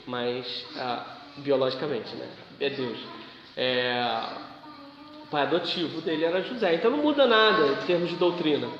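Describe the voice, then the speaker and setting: A man's voice: a little high, animated, normal speed. A man teaching a live church class, explaining his points with rhetorical questions that he answers himself. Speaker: bible teacher. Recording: very echoey hall with long reverb, dull sound, faint hiss.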